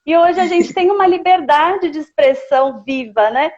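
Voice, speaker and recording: A woman hosting a live interview, asking gentle questions in a hesitant way with many pauses. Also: high voice, expressive, dull audio. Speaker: host.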